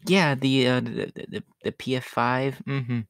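A man voicing a shy, gentle young catboy in a soft, hesitant ASMR role-play for an audio story. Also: mid-range voice, fairly even intonation, measured pace, clear, resonant tone, dry recording, studio quality, close to an everyday voice. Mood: hesitant, sweet. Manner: hesitant, bashful, soft-spoken with nervous giggles.

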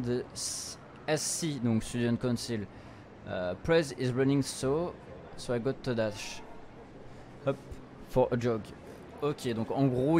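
A young man, a streamer hosting a let's play, gives informal playthrough commentary on a close mic, hesitating and stumbling as he translates game text aloud on the fly. His voice is mid-range and a little mellow, with a slight hiss or hum. Game music plays behind his voice.

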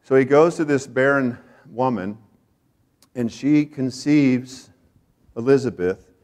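An American man preaching a sermon as pastor, repeating phrases for emphasis and swinging from hushed asides to loud, excited peaks. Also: medium pitch, takes it slowly.

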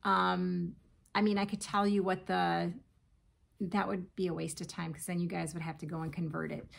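A woman's voice: lowish voice, little pitch movement, normal speed, gravelly. A woman in her forties chatting casually about her yarn haul at her kitchen table, laughing often and reading yarn labels aloud. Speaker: crochet vlogger. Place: home kitchen, indoors.

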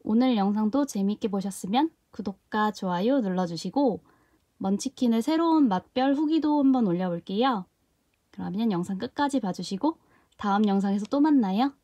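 A woman's voice: mid-range voice, moderate pace, no echo. A young woman reviewing a toy container in a casual unboxing vlog, often gasping and exclaiming in delight as she handles it. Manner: excited gasps and exclamations while handling the product.

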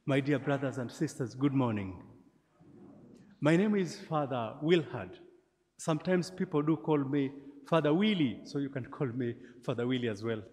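A man, a priest leading Mass in a measured, gentle way, his voice ringing with cathedral-like church echo. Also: medium pitch, expressive. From Tanzania. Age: 40s. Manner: gentle, measured liturgical delivery with light humor. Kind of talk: celebrating Mass. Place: large church. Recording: long church hall reverb.

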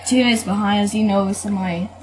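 A woman giving casual let's-play commentary on a horror game, excitable and yelling in fright when chased. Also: medium pitch, fairly quick, a crowd in the background, poor audio. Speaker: gamer playing a horror game.

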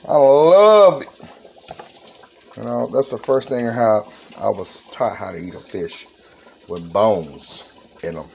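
A Southern US home cook in his 40s chats playfully through his kitchen vlog, next to a countertop fryer, exclaiming the same things again and again. His low, darkish voice has vocal fry and moves a little slowly. The rough recording carries a bit of hiss or hum.

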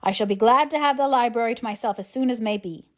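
A woman voicing a calm, ironic older father in an audiobook, with a deadpan, measured manner. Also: a little high, close to an everyday voice. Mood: dry. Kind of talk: audiobook character acting.

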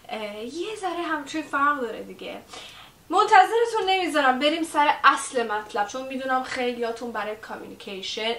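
A chatty woman with a fairly high voice gives a casual English lesson to camera. She wanders off topic and drops English words into her talk. The mic sits far from her in an echoey room with a faint rumble behind. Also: fairly bright tone. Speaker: online English teacher.

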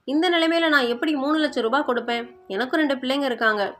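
A woman voicing a cold, calculating middle-aged elder sister who speaks in a sharp, scolding way. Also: high-pitched, fast, natural voice.

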